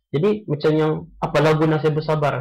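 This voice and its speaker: A man's voice: a little high, completely flat delivery, darkish tone, low-quality recording. A young man, talking casually and earnestly about a personal experience, stopping often to restart his sentences. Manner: earnest, halting, many restarts, mixes English into Malay. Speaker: guest sharing experience. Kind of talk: casual podcast chat.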